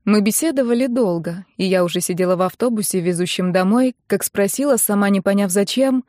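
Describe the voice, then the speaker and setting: A woman narrating a first-person audiobook in a calm, intimate storytelling manner. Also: medium pitch, fairly quick, no echo, clean studio sound.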